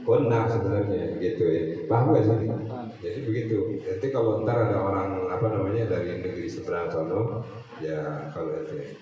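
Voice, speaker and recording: A man's voice: low-pitched, moderate pace, dark tone, dull audio. A man teaching an evening religious study class in a casual, joking way, mixing Arabic terms with slang. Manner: chatty, joking, switches between Arabic and Betawi slang. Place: large echoey room at an evening study gathering. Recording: echoey room, far from the mic, noisy.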